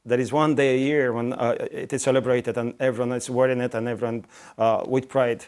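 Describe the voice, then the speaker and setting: A man from Romania, speaking English as a second language as an interview guest. He explains at length, pausing often with ums and uhs. His pitch sits in a middle range. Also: little pitch movement, a little mellow, smooth. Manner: hesitant, many fillers, explanatory. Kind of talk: interview answers.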